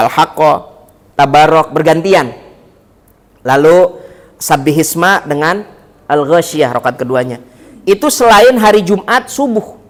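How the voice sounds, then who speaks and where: Chatty high-voiced preacher. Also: male voice. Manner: chatty, joking, addresses the audience directly. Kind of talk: mosque sermon. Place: mosque.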